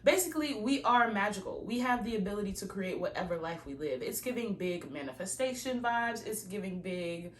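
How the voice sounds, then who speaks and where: A woman's voice: mid-range voice, expressive, brisk, few pauses. A woman reading tarot cards and giving a casual, preachy pep talk, encouraging listeners to plan and believe in their dreams. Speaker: tarot reader.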